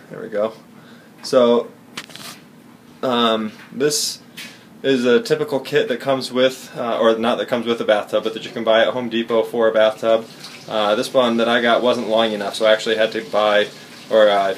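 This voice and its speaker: A man's voice: lowish voice, slight background noise. A young man giving a casual step-by-step how-to in an unfinished basement bathroom, explaining plainly with fillers and corrections, recorded on a handheld camera mic. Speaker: DIY instructor. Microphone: camera mic, filming handheld and close.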